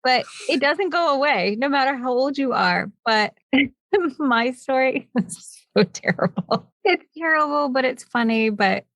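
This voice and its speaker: A woman tells a story on a podcast with lively energy and frequent laughter. Her voice sits a little high, and the recording is close and dry with no room sound. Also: a little slow, no echo. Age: older than her co-host, who is in her twenties. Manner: animated, laughs often while telling a story. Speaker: podcast co-host. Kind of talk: casual chat, storytelling.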